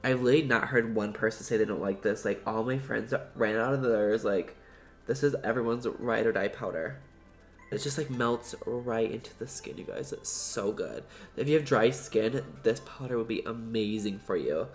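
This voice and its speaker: A man's voice: on the low side, normal speed, soft background music. A man with a stuffed-up, nasal voice, chatting in a gushing, slangy way as he reviews makeup in a vlog. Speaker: beauty vlogger.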